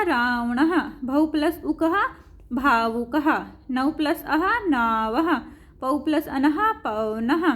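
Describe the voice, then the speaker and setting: A woman teaching a grammar lesson to school pupils, patiently repeating each example and addressing the pupils as children. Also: sits high.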